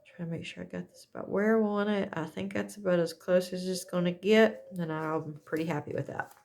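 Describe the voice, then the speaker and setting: A woman's voice: lowish voice, steady tone, a little fast, gravelly, a little mellow. A woman chatting casually as she demonstrates a craft setup, talking in a folksy way and correcting herself as she goes. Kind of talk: casual how-to chat.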